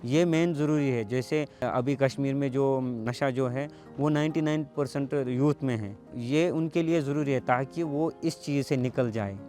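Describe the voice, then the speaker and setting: Young man, casual testimonial, hesitant storyteller, average pitch, clear music bed beneath. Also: a little slow, hardly any pauses, dark tone. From Kashmir. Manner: conversational storytelling with hesitant fillers. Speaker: meditation teacher sharing his story. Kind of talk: personal testimonial. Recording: music playing clearly underneath.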